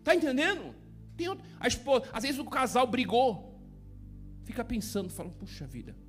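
Man, Brazilian accent, pastor, high voice, folksy joking sermon. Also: very animated, normal speed, soft background music. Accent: Brazilian Portuguese. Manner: folksy, joking preacher who keeps asking the listener "tá entendendo?". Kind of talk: informal sermon to a congregation.

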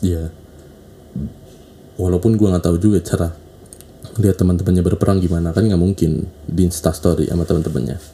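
A man's voice: deep voice, fairly even intonation, brisk, long pauses, mellow. A man giving casual, slangy relationship advice in a monologue, preachy and repeating his points.

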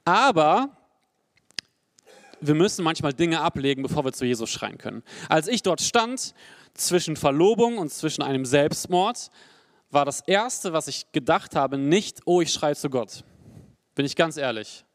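A young adult man preaching a sermon in an earnest, personal way, rising to emphatic peaks and dropping to quiet, low passages. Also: lively intonation, moderate pace, no room sound, studio quality.

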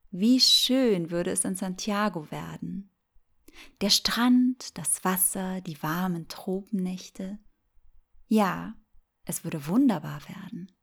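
Slow, low-voiced woman narrating sleep stories. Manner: soothing, gentle, unhurried sleep-story delivery. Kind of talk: slow, calm scripted bedtime-story narration.

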